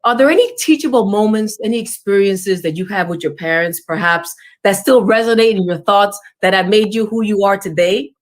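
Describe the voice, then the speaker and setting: This talk show host has a mid-range voice and speaks a little fast, barely pausing. She runs her interview in an effusive, formal style, full of compliments and blessings.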